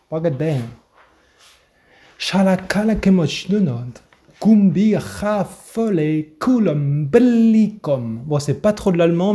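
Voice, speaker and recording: A young man from France telling a story casually, with animated, self-mocking asides to his viewers. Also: medium pitch. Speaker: vlogger.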